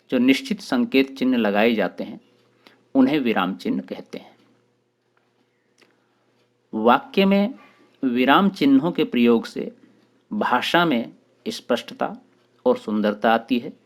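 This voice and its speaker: On his own channel, a man with a medium-pitched voice teaches a grammar lesson aimed at exam prep, going through terms one at a time with brief pauses.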